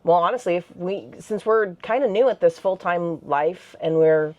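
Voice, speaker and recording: A woman co-hosting a travel vlog, recapping the trip in a relaxed, chatty way. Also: on the low side, moderate pace, muffled recording. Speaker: vlog co-host. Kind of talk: casual sit-down recap chat.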